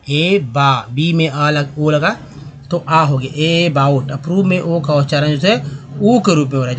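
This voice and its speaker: Male English tutor, slightly high voice, slow repetitive drilling of each word. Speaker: English teacher. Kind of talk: language lesson explaining pronunciation.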